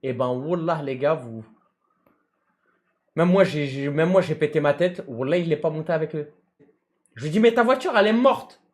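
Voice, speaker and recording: A man telling a comic anecdote in casual slang, acting out people and shouting at times. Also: fairly high pitch, moderate pace, pauses often. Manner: animated, slangy, mimics and shouts mid-story. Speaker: storyteller recounting a tow job.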